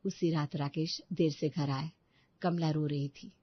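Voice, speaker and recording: A woman narrating a family moral story in an even, measured way. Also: low voice, slightly rough, no room sound, highs cut off.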